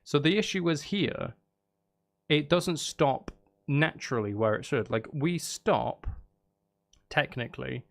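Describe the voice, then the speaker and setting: Somewhat high and gravelly, a man's voice carries a laid-back stream where he composes music. He figures things out out loud, counting and humming rhythms while music plays.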